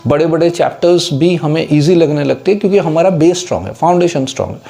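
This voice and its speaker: A man's voice: fairly high pitch, fast, gravelly, warm tone, faint music behind. A man giving a casual whiteboard lesson on English words, explaining steadily and mixing English terms into Hindi, with an Indian English accent. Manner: explanatory, mixes English into Hindi, asks for understanding. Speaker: English teacher.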